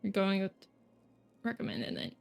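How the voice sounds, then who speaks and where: Streaming a game, a young woman from Sweden rambles through casual chat in a gravelly, darkish mid-range voice that's very animated and moderately paced. She's giggly and hesitant, often stopping to correct herself as she thinks out loud.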